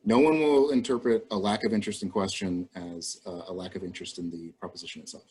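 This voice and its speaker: Low-voiced man moderating a forum. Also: steady tone, quick pace, a little mellow, slightly rough. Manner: polite, procedural, apologetic. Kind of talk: moderating an online endorsement forum. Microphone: video call.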